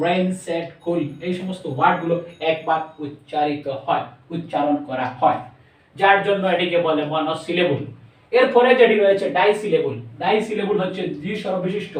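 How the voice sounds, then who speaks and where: A man with a Bangladeshi accent teaching a spoken English lesson, slowly stretching out words and mixing English into his explanations. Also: high voice. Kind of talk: classroom lesson. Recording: echoey room, voice from a distance.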